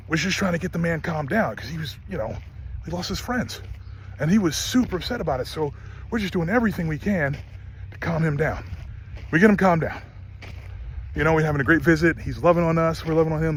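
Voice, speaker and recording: A man's voice: fairly high pitch, fairly bright tone, slight background noise. A middle-aged man retelling a story about his horse in a casual vlog, earnest and emphatic, often restarting his sentences. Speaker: horse owner vlogger.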